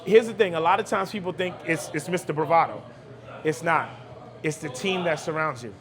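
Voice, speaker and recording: Brisk and a little high-pitched, this man from Brooklyn, New York owns a cigar lounge and is a guest on a podcast. In the interview he speaks conversationally with emphasis, often repeating phrases.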